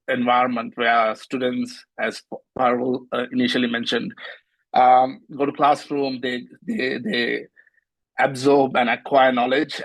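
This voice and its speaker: Middle-aged guy from sri lanka on a video call panel, flat even delivery, dry close sound, lots of uhs. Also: mid-range voice, dry recording, low-quality recording. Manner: measured, many fillers and restarts. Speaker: nonprofit founder, panel speaker. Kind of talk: online panel talk. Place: home, early morning.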